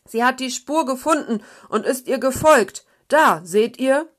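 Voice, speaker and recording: Woman playing a young boy, explaining, loud and raised, storybook. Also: high voice, expressive, a little slow, voice pushed up. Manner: explaining, pointing things out. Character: knowledgeable young boy tracker.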